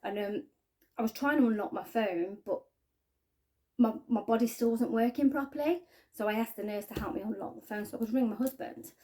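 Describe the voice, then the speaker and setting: A woman giving a halting, earnest personal testimony to camera, often trailing off quietly. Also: fairly high pitch. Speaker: spiking victim sharing her story.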